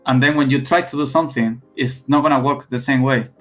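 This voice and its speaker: A young man from Spain with a thick Spanish accent, a guest in a casual interview, talking haltingly with many restarts and fillers. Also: medium pitch, steady tone, a bit bright, faint music behind. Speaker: esports player guest.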